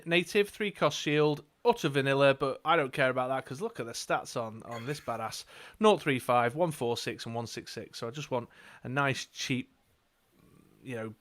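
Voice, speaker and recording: A man with a medium-pitched, slightly bright voice co-hosts a casual dice game stream indoors at a gaming table. Chatty and full of fillers, he talks his team through play and reads out card text.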